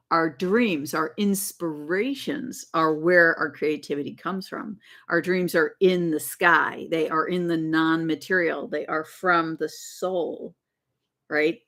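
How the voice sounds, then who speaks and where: A woman's voice: low voice, fairly bright tone. A woman hosting a casual spiritual livestream, talking in a rambling way, correcting herself and laughing as she goes. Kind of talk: casual live-stream talk.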